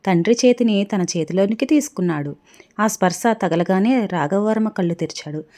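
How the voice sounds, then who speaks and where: A woman's voice: medium pitch, normal speed, dark tone. A woman narrating a family story aloud, reading it with feeling and speaking the characters' lines herself. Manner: emotional, voices the characters' dialogue herself.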